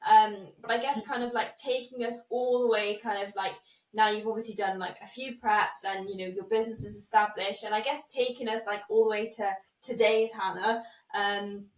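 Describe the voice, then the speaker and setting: A woman's voice: medium pitch, steady tone, moderate pace, recorded from a distance. A woman co-hosting a podcast, asking questions hesitantly with many fillers. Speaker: podcast co-host. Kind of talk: casual podcast interviewing. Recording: echoey room, off-mic.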